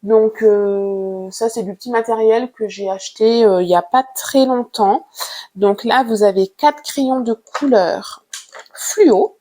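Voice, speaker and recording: A woman casually showing her drawing supplies in a vlog, talking gently and hesitantly with many fillers. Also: on the high side. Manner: hesitant, with frequent "euh" fillers; unhurried and gentle. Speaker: art vlogger. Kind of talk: casual show-and-tell about drawing supplies.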